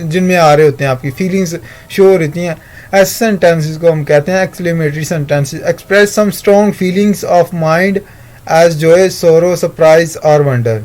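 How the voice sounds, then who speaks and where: A man gives a recorded grammar lesson in a fairly high voice. He moves step by step, asking questions and answering them himself. He slows right down to read each English example sentence carefully. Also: darkish tone. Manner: explains step by step, asks and answers his own questions.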